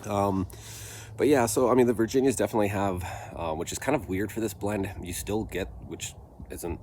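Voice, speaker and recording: A man giving a casual, rambling product review, thinking aloud haltingly with trailing pauses. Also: fairly low pitch, a little mellow. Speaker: pipe tobacco reviewer. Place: outdoors in a light breeze. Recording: breezy outdoor vehicle-like background noise.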